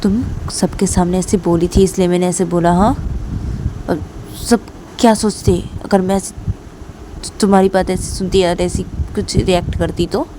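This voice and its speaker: A woman's voice: lowish voice, fairly even intonation, moderate pace, background noise, close to an everyday voice. A woman voicing a pleading female college teacher who keeps coaxing her upset lover. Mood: explaining. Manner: coaxing, keeps asking "haan?".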